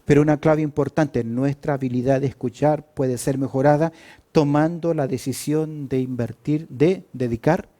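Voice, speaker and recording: A male pastor preaching a sermon, often asking questions and answering them himself, with sudden loud emphasis. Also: fairly high pitch. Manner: rhetorical questions answered himself, frequent fillers.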